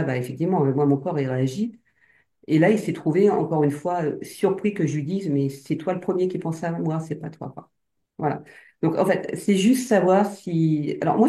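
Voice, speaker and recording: A woman with a low, warm voice casually recounts her own experience as a hypnosis client. She sounds hesitant, with lots of fillers and restarts, and the recording has a roomy echo.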